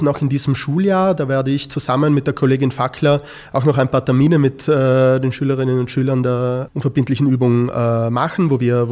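Guy, teacher being interviewed, lots of ums, pauses, normal mid voice. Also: medium pitch, a little mellow. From South Tyrol. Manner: thoughtful, hesitant, many filler sounds. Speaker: teacher in a school project. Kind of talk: interview answers.

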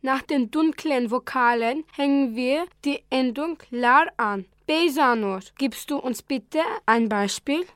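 A young girl hosts a school radio segment in a high voice. She reads slowly and carefully from a script. The studio sound is dry and close. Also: clear, resonant tone, no echo. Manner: slow, careful, read-aloud delivery. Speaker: student radio presenter.

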